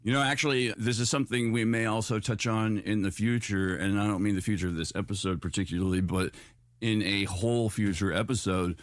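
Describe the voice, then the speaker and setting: A man's voice: on the low side, no echo, studio quality. A man co-hosting a podcast in loose, swearing casual chat, laughing often. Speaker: podcast co-host.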